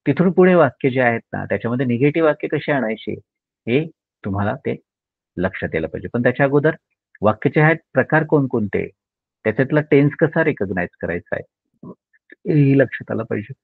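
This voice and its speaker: A man teaching English grammar in a lecture, rattling off drilled lists of tense endings and slowly dictating example sentences word by word. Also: medium pitch, lively intonation, vocal fry, husky, no room sound. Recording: dry, tinny phone-like sound.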